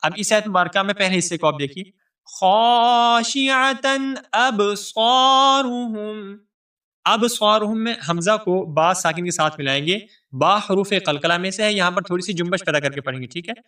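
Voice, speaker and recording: A man teaching tajweed, chanting verses slowly and melodically and explaining the rules quickly and plainly. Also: sits high, pushed and bright, recorded from a distance. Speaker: Quran recitation teacher. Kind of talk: tajweed lesson with recitation.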